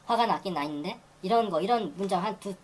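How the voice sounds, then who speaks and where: A woman teaching English grammar in a lecture, repeating phrases and reading example sentences very slowly. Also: mid-range voice, poor audio. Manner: repeats phrases and restarts while explaining.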